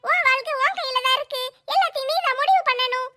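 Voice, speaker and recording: A woman's voice: extremely high pitch, fast talker, bright, forceful tone, soft background music. A woman voicing a bold, bossy older sister who scolds and reassures in a brash way.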